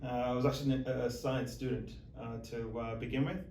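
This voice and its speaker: A man in his thirties from Zimbabwe answers interview questions at a measured pace, pausing often on fillers. His pitch stays flat and his tone is mellow. He sounds distant in an echoey room. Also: slight background noise. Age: 30s. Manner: measured, hesitant with many uh fillers. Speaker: guest, financial planner. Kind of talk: interview chat.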